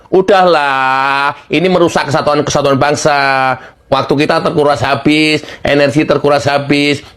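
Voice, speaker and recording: A woman giving heated political commentary, firing rhetorical questions and laughing mockingly. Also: fairly low pitch.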